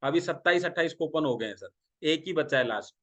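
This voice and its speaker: A man from India with a fairly high voice gives a sales training talk. He keeps putting questions to his listeners and acts out little exchanges between a seller and a buyer. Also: expressive, brisk, a bit bright. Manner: talks through role-played dialogues, asking the audience questions. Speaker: direct selling trainer.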